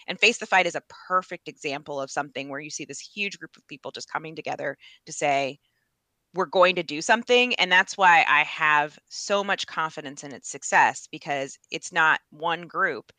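A woman's voice: sits low, sharp tone, no room sound. A woman guest in an interview, speaking in an earnest, emphatic and upbeat way. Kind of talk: casual interview.

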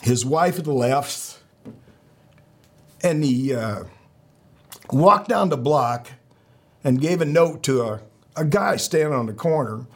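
A middle-aged veteran hosting a podcast delivers an animated sign-off, pressing his listeners with earnest, halting words. The voice is husky and pitched fairly high.

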